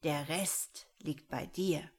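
A woman voicing a vain, cunning male quetzal bird in a storybook reading, shrill and theatrical. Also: takes it slowly, darkish tone. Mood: wheedling. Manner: shrill and theatrical, scolding then wheedling.

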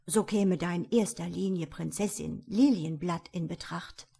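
Lady reading as a fussy old court official, low and hushed, proper. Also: unhurried, vocal fry, breathy edge, full character voice. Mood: hushed, urgent. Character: fussy old male court marshal, whispering advice.

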